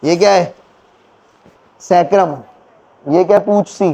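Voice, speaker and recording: A male teacher lectures on anatomy in a high, creaky, warm voice, speaking slowly. His classroom talk is call-and-response: he quizzes students and counts bones out loud.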